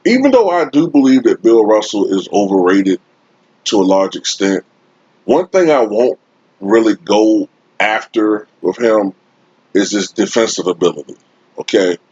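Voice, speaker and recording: Speaking to viewers online in the style of a casual sports commentator, a deep, husky-voiced man delivers an animated, opinionated rant with a darkish tone, stretching his points out slowly and leaning on rhetorical tags. The Blue Snowball-type desktop USB mic captures him close and dry, if a bit dull.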